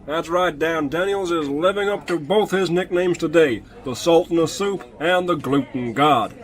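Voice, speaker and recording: A man playing an earnest high-voiced sports commentator. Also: normal speed, natural voice. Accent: British. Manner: earnest play-by-play delivery. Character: male sports commentator Rick, keen and earnest. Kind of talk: comedy sketch sports commentary.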